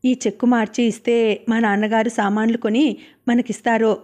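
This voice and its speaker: A woman voicing a gentle, dutiful young wife who speaks politely and pleadingly. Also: fairly high pitch, little pitch movement, moderate pace, natural voice.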